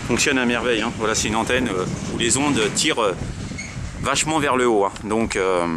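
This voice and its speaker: A French radio operator with a French accent chats at an outdoor roadside, presenting his gear hesitantly and going over the same points repeatedly. He has a mid-range voice and talks fairly quickly over a noisy background.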